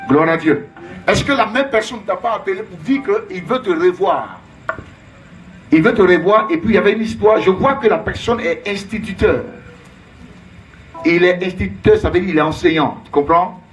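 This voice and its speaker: A man's voice: high voice, normal speed, a little hiss or hum. A man preaching as a prophet, emphatic and repetitive, calling out names and Alléluia in call-and-response.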